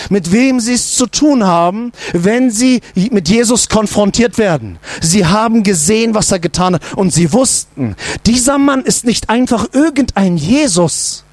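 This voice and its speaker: A male pastor preaching a sermon emphatically, using repeated rhetorical questions and dropping to a low voice for emphasis. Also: dry recording.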